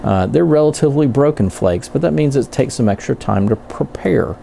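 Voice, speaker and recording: A man giving a casual, rambling product review, halting and correcting himself as he goes. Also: medium pitch, animated, vocal fry, warm tone, slight background noise. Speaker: pipe tobacco reviewer.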